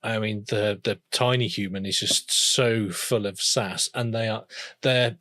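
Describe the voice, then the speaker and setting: Give me a podcast co-host who tells a story slowly and easily, full of ums. The voice sits at a middle pitch. The sound is dry and close, with no room in it. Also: no room sound. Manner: relaxed, drawn-out storytelling with fillers. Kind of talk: casual chat.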